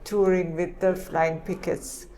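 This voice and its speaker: A woman's voice: on the low side, flat delivery, slow, warm tone. A woman interviewing a guest, asking hesitant questions with fillers; German is her first language. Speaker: interviewer, host. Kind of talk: casual interview.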